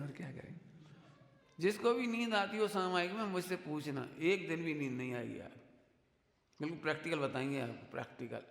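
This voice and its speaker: Male preacher, high voice, conversational, rhetorical questions, long hall echo. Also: gravelly. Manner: conversational teaching, rhetorical questions, mimics listeners. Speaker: Jain scholar giving a discourse. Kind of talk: religious discourse. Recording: echoey hall sound.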